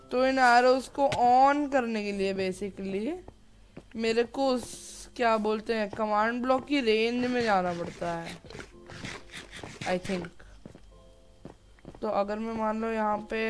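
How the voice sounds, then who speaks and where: A man's voice: sits high, a little hiss or hum. A man giving casual gameplay commentary, chatty and apologetic, mixing English words into his talk. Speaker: gameplay youtuber.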